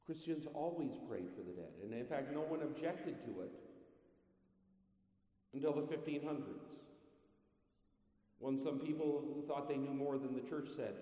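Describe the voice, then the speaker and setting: A priest giving a sermon in a teaching tone with a dry humor. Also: male voice, medium pitch, moderate pace, long pauses, mellow. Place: church. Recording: echoey church with long reverb.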